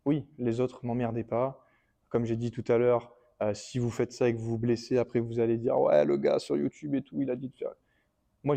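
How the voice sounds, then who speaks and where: A man with a mellow, relaxed tone explains a workout routine like a casual coach, chatty and slangy as he talks right to the viewer. Soft music plays faintly underneath. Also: medium pitch. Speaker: fitness coach.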